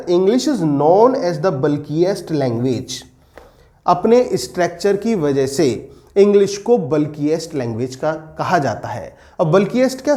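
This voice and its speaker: A man teaching English pedagogy for teacher exams, posing questions to his students and slowing down to dictate definitions. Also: a little high, dark tone. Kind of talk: exam-prep lecture.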